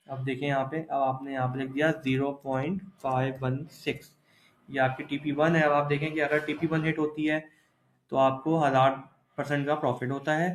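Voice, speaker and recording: A man's voice: on the high side, slight background noise. A man teaching crypto trading step by step in a screen-recorded tutorial, explaining patiently and often checking in with "theek hai". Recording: roomy echo.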